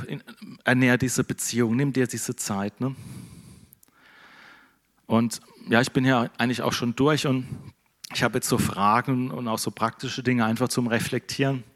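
Middle-aged guy giving a laid-back sermon, keeps going "ne?", average pitch. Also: fairly bright tone. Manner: conversational, keeps adding "ne?". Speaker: preacher. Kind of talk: casual sermon.

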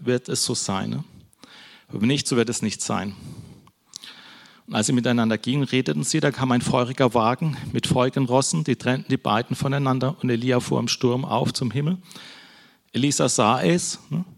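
A man's voice: mid-range voice, creaky. A man giving a casual, conversational sermon in a church, often ending phrases with a questioning tag. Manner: conversational, frequent "ne?" tags. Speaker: preacher.

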